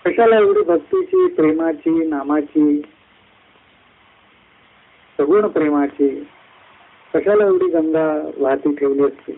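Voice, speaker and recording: A man giving a devotional discourse at a satsang, climbing high through lists of words and slowing down on key phrases. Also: sing-song. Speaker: satsang speaker. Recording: tinny phone-like line.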